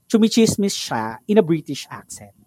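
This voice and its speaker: Filipino male podcast co-host, animated and slightly high voice, dry close sound, chatty. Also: normal speed, no room sound. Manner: chatty, mixing English into Tagalog. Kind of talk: casual podcast chat.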